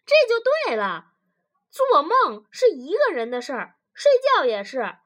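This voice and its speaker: A woman doing a fierce sharp-tongued wife. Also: high voice, big pitch swings, voice pushed up, exaggerated voice. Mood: indignant. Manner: fierce, cutting, fast retorts. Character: sharp-tongued angry young wife, relentless.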